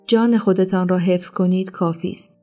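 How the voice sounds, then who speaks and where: A woman's voice: on the low side, steady tone, mellow, faint music behind, close to an everyday voice. A woman voicing a proud, bitter enslaved woman who speaks with scorn and sarcasm.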